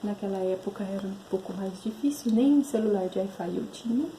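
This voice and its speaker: A woman's voice: medium pitch, a little fast, mellow, a little hiss or hum, rough recording. A woman, telling a personal spiritual story in a rambling, self-correcting way. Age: 30s. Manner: rambling, self-correcting, re-enacts inner voices. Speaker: spiritual channel host.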